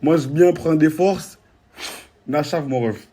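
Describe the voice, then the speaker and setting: A man's voice: a little high, slow pace, mellow, breathy edge. A man with a Marseille French accent, talking in casual slangy chat and teasing a friend with mock warnings. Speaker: vlogger.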